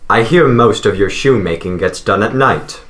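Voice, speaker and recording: An actor playing a cold, scheming inventor uncle who speaks in a deliberate, menacing way. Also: male voice, on the low side, a bit bright, close to an everyday voice. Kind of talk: audio drama acting.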